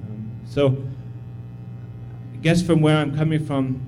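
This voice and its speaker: The recording is poor, with a little hiss or hum, as a Tanzanian-raised man in his thirties speaks slowly in a warm, high-leaning voice. He's a visiting missionary giving an informal, humble, encouraging sermon full of fillers in a church sanctuary.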